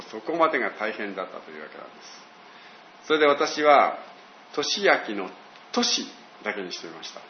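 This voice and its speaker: An older male pastor gives a slow, storytelling Bible talk with a lively, rising and falling voice. The recording is dull and roomy, with a faint hiss behind him. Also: on the low side.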